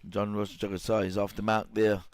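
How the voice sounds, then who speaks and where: A man calling a live cricket match as commentator, his voice climbing high and loud when a catch or wicket comes. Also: level tone, brisk. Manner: rises sharply in pitch and volume at big moments.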